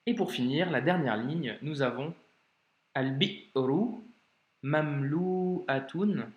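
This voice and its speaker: A man teaching Arabic reading in an informal video lesson, speaking directly and encouragingly to the learner and slowly sounding out each word. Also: mid-range voice, echoey room, muffled recording. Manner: slows down to sound out words carefully.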